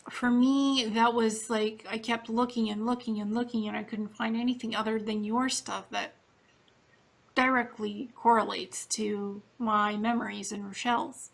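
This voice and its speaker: A woman's voice: fairly high pitch, steady tone, a little slow, vocal fry. A woman from Ukraine interviewing a guest in a casual, earnest, matter-of-fact way.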